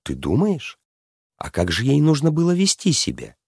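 A man telling a fairy tale to a listener, lively and stopping to ask her questions. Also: medium pitch, normal speed, gravelly, breathy edge, dry recording, clean studio sound. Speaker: storyteller.

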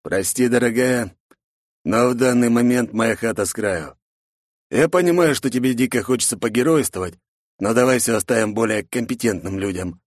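Man doing arrogant male boss, pompous, drawling, mid pitch, dry sound. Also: moderate pace, no room sound, lightly acted. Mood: dismissive. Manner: lazy drawl turning to pompous speeches. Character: arrogant, callous male boss, grandiose and mocking. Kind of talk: audiobook character voice.

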